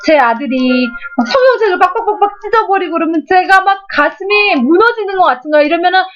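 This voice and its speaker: Give me a high-pitched woman giving a fervent sermon testimony, recorded dull and lo-fi. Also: animated, fast talker, fairly bright tone, soft background music. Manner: fervent, tearful at times.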